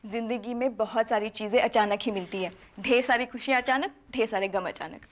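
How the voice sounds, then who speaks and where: An actress playing a gentle, self-sacrificing elder sister in a TV serial drama. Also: female voice, a little high, moderate pace, close to an everyday voice. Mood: wistful. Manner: gentle, wistful, then coaxing. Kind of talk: TV serial acting.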